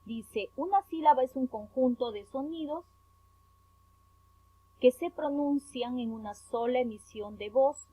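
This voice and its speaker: A Peruvian woman with a fairly high, darkish voice and a breathy edge teaches a primary school class remotely, working carefully through a worksheet and stressing every syllable as she spells words aloud. The audio is tinny and phone-like, completely dry with no room sound.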